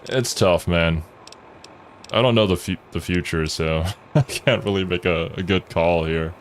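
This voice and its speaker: Young male let's player: deep voice, casual, amused, thinking aloud, faint noise behind him. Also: unhurried. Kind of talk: casual game commentary.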